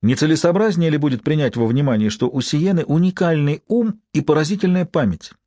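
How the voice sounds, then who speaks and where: A man reading an audiobook voices a male professor who argues calmly and persuasively. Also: fairly high pitch, fairly quick, dry recording, pitched above the performer's own voice, lightly acted.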